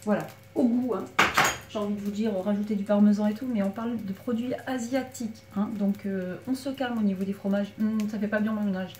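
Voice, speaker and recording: A home cook chats to viewers while giving a casual cooking demonstration in her small back kitchen, her medium-pitched voice a little fast, fairly even in intonation, and slightly froggy. The echoey room and distant mic pick up loud background noise, with pans and utensils clattering.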